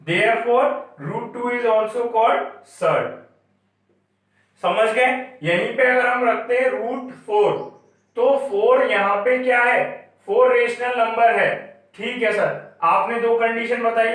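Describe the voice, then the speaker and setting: A man's voice: very high-pitched, a bit bright. A male math teacher giving a classroom lecture, asking questions and answering them himself. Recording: echoey room, far from mic.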